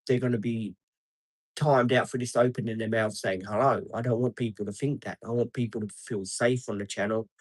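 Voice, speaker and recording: A chatty man in his fifties rambles through a casual live stream, pausing on frequent ums and answering viewers by name. His voice sits at an ordinary middle pitch and sounds dry and close, with no room echo. He is outdoors beside traffic. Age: 50s.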